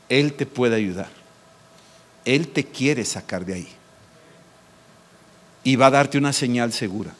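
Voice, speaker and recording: A male pastor preaching a sermon, swinging between loud emphatic declarations and soft, hushed reassurances. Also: mid-range voice.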